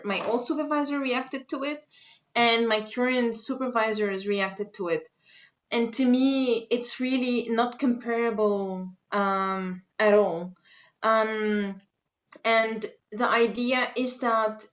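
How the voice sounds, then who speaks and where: A young woman in the last year of her studies, speaking frankly and hesitantly in a casual group discussion on a video call. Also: fairly high pitch. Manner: frank, hesitant with many fillers. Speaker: participant. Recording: dull lo-fi video call audio.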